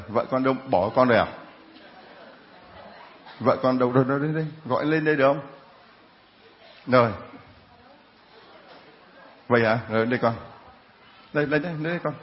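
A priest delivers a sermon in an ordinary middle-pitched voice, joking and teasing his congregation in a jovial way as he goes. The recording is slightly dull and lo-fi, with a little hiss or hum.

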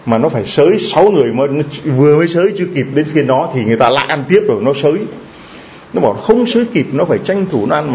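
A preacher with a medium-pitched, darkish voice retells a moral story in a sermon, full of strong emotion and stammered repeats. The recording is dull and lo-fi, with a little hiss or hum.

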